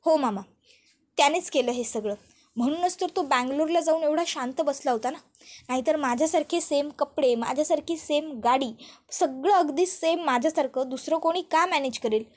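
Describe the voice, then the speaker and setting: A woman voicing a calm businessman who speaks in a measured, reassuring way. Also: sits high, close to an everyday voice. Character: calm jailed businessman, steady older brother.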